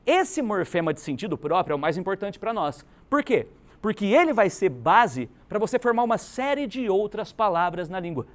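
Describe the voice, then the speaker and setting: A male Brazilian teacher leads an exam-prep grammar lesson in a high, lively voice. His delivery is emphatic and animated, rising and falling a lot. He keeps checking in with his students as he explains. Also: moderate pace. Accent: Brazilian Portuguese.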